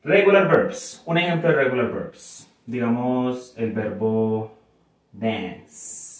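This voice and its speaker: A male English teacher with a Colombian Spanish accent, explaining a lesson slowly and checking that his students follow. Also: medium pitch, animated, a little mellow. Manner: slow, explanatory, switches between two languages, often checks understanding. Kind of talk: classroom video lesson. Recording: very echoey room, mic far off.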